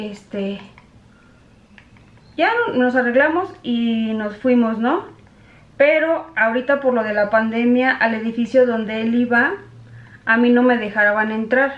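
Middle-aged Mexico City woman, chatty beauty vlogger telling a story; fairly high voice, echoey home room. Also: dull audio. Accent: Mexico City Spanish. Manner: chatty, addresses viewers as girls, many fillers. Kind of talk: casual storytelling while doing makeup.

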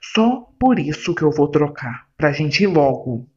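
Blunt man, sharp-tongued. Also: on the high side, very animated, measured pace, dull audio. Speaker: vlogger, partner of the host. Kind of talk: casual vlog banter.

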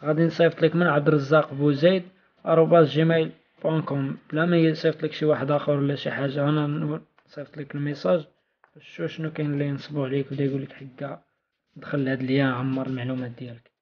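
Fast-talking Moroccan man, casual giveaway announcement. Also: fairly high pitch, flat delivery. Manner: informal, off-the-cuff. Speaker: video channel host. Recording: dull, lo-fi sound.

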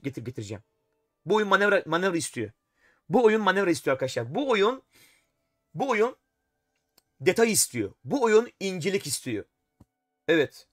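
The speaker is a man with a voice on the high side, thinking aloud during a live chess stream and talking to himself and his chat in an often exasperated way. It's a studio-quality recording without echo.

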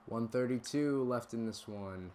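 A man streaming a football video game, calling plays and chatting with viewers, bursting into shouted calls on big moments. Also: mid-range voice, unhurried, a little hiss or hum. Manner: chats with viewers between plays. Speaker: gaming streamer. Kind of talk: play-by-play game commentary.

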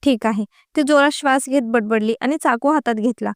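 A woman narrating a story in an even, unhurried reading voice. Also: fairly high pitch, no echo, studio quality.

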